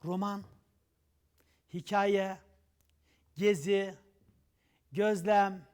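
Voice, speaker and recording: A man's voice: sits high, very slow, clear, resonant tone. A man hosting a TV program on education, lecturing with strings of rhetorical questions. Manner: lively, rhetorical questions in long runs. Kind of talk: motivational lecture on TV.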